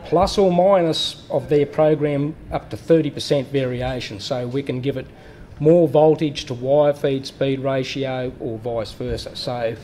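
Unhurried and fairly even in intonation, a man gives a plain-spoken, hands-on explanation of a welding machine in his workshop, with fillers and restarts. His mid-range voice has a dark tone, and there's a little hiss or hum.

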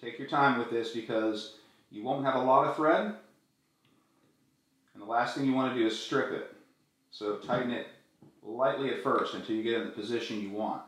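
A middle-aged man hosting a gear tutorial, walking through each step in a friendly, clear way. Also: mid-range voice, normal speed, pauses often, a bit bright. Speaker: video tutorial host. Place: small room indoors, echoey. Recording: very echoey room.

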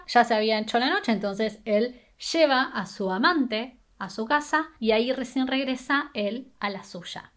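A young Argentine woman tells a true crime story at a brisk, casual pace while doing her makeup in a small bedroom. Her voice sits a little high, and she talks straight into a camera at desk distance. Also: fairly bright tone. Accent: Argentine Spanish. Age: young adult. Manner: conversational, brisk, with filler "eh" and "¿no?". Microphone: webcam or camera at desk distance.

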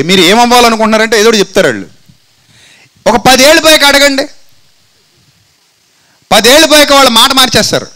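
A man preaching a sermon who asks his listeners questions and answers them himself, acting out people's words in dialogue and dropping to low, slow phrases for effect. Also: pushed and bright, poor audio.

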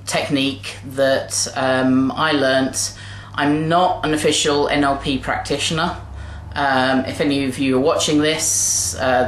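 Young woman vlogger with a low, gentle, hesitant delivery, recorded on a webcam in a small echoey bedroom with faint hiss. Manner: gentle, hesitant, many fillers. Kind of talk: casual video response. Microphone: webcam at desk distance.

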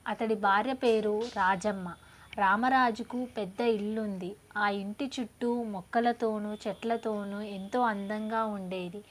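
A woman reading moral stories aloud to her channel in a measured, storytelling manner. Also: mid-range voice.

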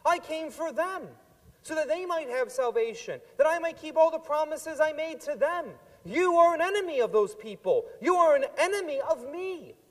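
A man's voice: extremely high pitch, expressive, normal speed. A male pastor voicing a stern teacher who firmly refuses a plea, in a sermon. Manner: stern, firm. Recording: long church hall reverb.

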